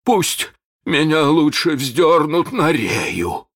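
A man's voice: mid-range voice, expressive, takes it slowly, breathy edge, dry recording, studio quality, pitched above the performer's own voice. A man voicing a stubborn pirate sailor who grumbles his refusals. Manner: grumbling, then whimpering.

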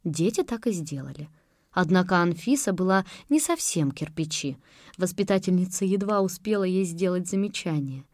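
A woman reads a children's story aloud, mid-pitched and very animated in her intonation. Her narration is expressive and lively. The recording is close and dry. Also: normal speed, dry recording.

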